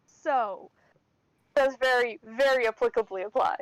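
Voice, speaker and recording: A woman playing a tabletop game, reacting in an excitable, squealing way. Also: on the high side, unhurried, no room sound, poor audio. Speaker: player.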